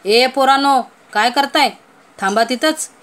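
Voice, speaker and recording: A woman's voice: a little high, moderate pace, natural voice. Woman doing a stern scolding village mother. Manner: loud, bossy rural speech.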